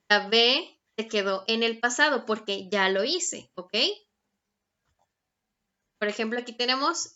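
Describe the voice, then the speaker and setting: A woman's voice: on the high side, bright, forceful tone. A young woman teaching a grammar lesson, patient and checking in often with her students. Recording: dull lo-fi recording.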